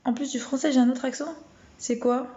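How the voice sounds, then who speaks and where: A woman chatting casually on a late-night live stream from home, with a soft, warm voice and a hesitant way of talking, full of fillers and restarts. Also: high-pitched, fairly even intonation, a little fast, dull audio. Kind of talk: casual live-stream chat and Bible reading.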